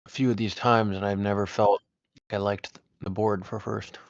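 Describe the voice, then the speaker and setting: Laid-back low-voiced man, self-deprecating. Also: little pitch movement, moderate pace, gravelly, dry recording, dull audio. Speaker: player. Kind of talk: casual gaming chat.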